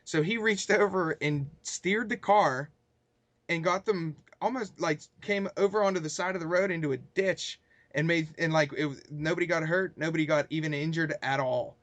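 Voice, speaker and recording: Rambling podcast host, fairly high voice. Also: male voice, moderate pace, fairly bright tone, dry recording. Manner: rambling storytelling with fillers and laughs. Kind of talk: casual chat.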